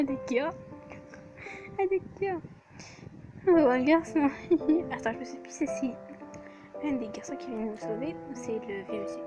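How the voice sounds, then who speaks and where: A woman reads an interactive story aloud in a fairly high, slow voice, giggling often as she comments along the way. Music plays clearly behind her. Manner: giggly, chatty asides, laughs often. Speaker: player reading a story game aloud. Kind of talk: reading aloud with playful asides.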